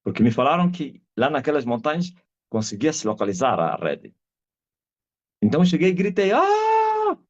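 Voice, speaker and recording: A middle-aged man with an Angolan Portuguese accent, an apostle giving an animated testimony sermon over a live video call. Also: medium pitch, a little fast. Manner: animated storyteller, acts out quoted voices and shouts. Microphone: video call audio. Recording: dull lo-fi video call audio.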